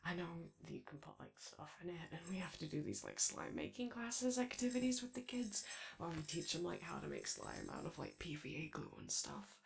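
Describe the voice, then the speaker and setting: In an improvised-sounding roleplay ASMR, a woman voices a shy, chatty animatronic daycare attendant, rambling tentatively and trailing off in a hesitant yet helpful mood. Her heavily acted delivery is lowish, brisk and gravelly, with huge swings in pitch.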